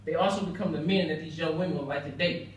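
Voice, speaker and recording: At an indoor banquet, an earnest young American man delivers a prepared speech, heard from far off in a very echoey room with faint background noise. His slightly high voice moves at a quick pace, emphatic and full of repeated phrases for effect.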